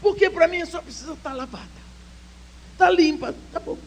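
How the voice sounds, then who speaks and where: With an extremely high-pitched voice at normal speed, an older woman tells a heartfelt personal story at a church women's conference. She moves between soft near-whispers and emphatic exhortation, and the recording has a little hiss or hum.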